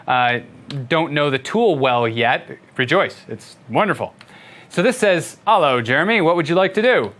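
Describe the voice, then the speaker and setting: A man's voice: a little high, fairly bright tone. An older man teaching web development during a live session, walking through tools with a playful, chuckling manner. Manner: playful, chuckling while demonstrating. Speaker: instructor. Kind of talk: live coding tutorial.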